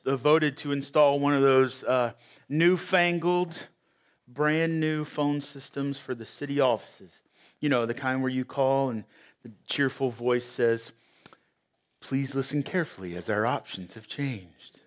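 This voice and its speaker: A man's voice: medium pitch, steady tone, a little slow. A man preaching a sermon to a church congregation, telling a story in an emphatic, conversational way with a few fillers. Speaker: pastor. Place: church sanctuary with audience.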